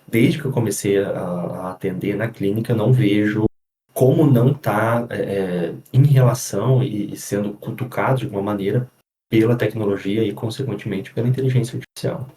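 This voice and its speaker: A psychologist explaining things in a casual podcast chat, often pausing on fillers and restarting his sentences. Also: fairly low pitch, warm tone. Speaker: psychologist guest. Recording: echoey room.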